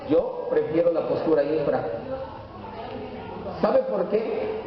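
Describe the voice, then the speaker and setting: A man's voice: a little high, expressive, takes it slowly, a crowd in the background. A male pastor from Mexico giving a teaching sermon, asking his congregation questions as he explains. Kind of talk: sermon lesson at a whiteboard. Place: church hall. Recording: echoey hall, far from the mic, dull.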